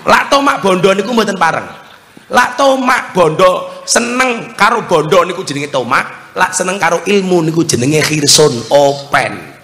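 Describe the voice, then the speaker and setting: A man's voice: high voice, lively intonation, a little slow, bright, forceful tone. A man with a Javanese accent preaching a comedic sermon, joking and teasing the audience. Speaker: Islamic preacher. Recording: long hall reverb, faint noise.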